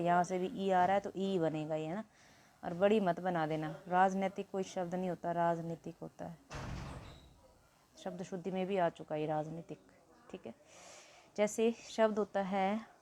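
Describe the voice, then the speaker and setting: Soft-toned woman teaching grammar. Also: fairly low pitch. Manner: explains step by step, asks questions and answers them herself. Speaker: Hindi teacher. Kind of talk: classroom grammar lesson.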